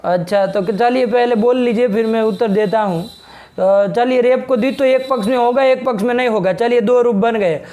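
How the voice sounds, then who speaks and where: Brisk, scolding Sanskrit grammar teacher. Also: male voice, extremely high pitch, mellow. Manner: brisk, scolding, presses the student to speak plainly. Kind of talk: online grammar class.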